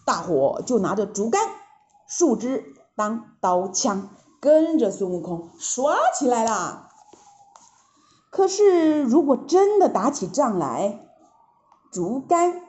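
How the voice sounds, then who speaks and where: A woman narrating a classic children's story in an expressive, drawn-out way. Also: high-pitched. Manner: lively, expressive, drawn-out phrasing. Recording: dull lo-fi recording.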